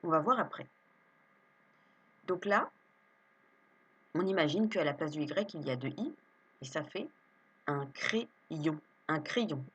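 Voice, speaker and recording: A woman teaching young children to read, slowly sounding out syllables and words with patience. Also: low voice, animated, a bit bright, breathy edge. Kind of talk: reading lesson for young children.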